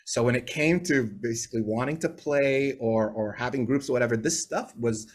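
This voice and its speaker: Here a man in his forties from Bahrain, whose first language is English, appears as a guest in a video-call interview. He has a medium pitch and moderate pace, and his casual storytelling is chatty and meandering, punctuated by "right?".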